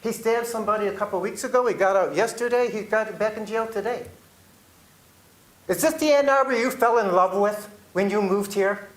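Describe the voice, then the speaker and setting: Agitated high-voiced man at a podium. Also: normal speed, reverberant. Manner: agitated, pleading, scolding. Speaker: public commenter. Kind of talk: public comment at council meeting. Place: city council chamber.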